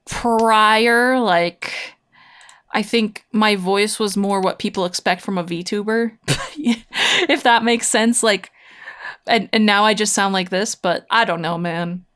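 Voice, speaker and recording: A woman's voice: mid-range voice, slow, a bit bright. Casual woman livestreamer chatting over a game. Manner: slangy, rambling, thinking aloud. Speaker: livestreamer, VTuber playing online mahjong. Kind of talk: casual livestream chat while gaming, replying to chat.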